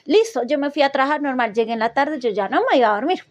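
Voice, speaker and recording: A woman telling a frightening personal story in casual podcast talk, animated and full of restarts, acting out her own reactions. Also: sits high, fast, no room sound.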